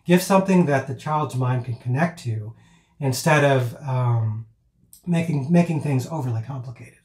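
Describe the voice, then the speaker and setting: A piano teacher gives an informal lesson in an echoey room, his medium-pitched, somewhat dark voice moving at a normal speed. He rambles, full of fillers and restarts, chanting counts and rhythm words aloud to demonstrate. The recording carries a roomy echo.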